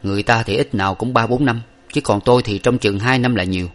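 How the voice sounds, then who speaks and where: A man's voice: medium pitch, quick pace, lightly acted. A man voicing an earnest young man who reassures his beloved, in an audiobook of an old novel. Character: earnest young man, lover bound for study abroad.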